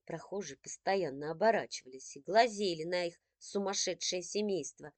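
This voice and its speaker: A woman narrating a children's story as an audiobook, expressive and following the mood of the scenes. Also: lowish voice, normal speed, no room sound.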